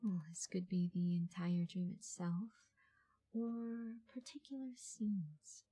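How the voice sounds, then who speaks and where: Slow, breathy woman in ASMR role-play. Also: fairly low pitch, dark tone. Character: patient, reassuring dream call center agent. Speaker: call center agent in a role-play. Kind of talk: soft ASMR.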